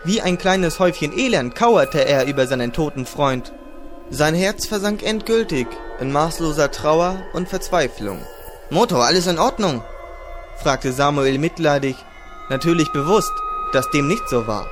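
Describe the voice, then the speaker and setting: A man reading a fantasy audiobook in steady, dramatic storytelling, with music behind him. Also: fairly high pitch, moderate pace. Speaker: audiobook reader. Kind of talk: scripted fantasy audiobook narration. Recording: background music under the narration.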